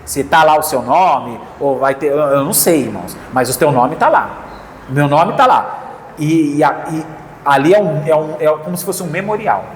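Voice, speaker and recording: A man's voice: fairly high pitch, expressive, normal speed, slight background noise. A man with a Brazilian accent preaching a sermon in an earnest way, often repeating key phrases and calling out to the congregation. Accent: Brazilian Portuguese. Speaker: pastor. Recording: echoey hall with faint ambience.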